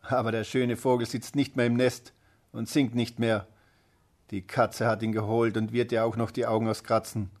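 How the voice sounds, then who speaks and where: A man voicing a furious old female sorceress in a fairy tale reading, scornful and shrieking, with a husky voice. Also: medium pitch, flat delivery, normal speed, darkish tone, lightly acted. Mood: mocking. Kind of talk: storybook reading.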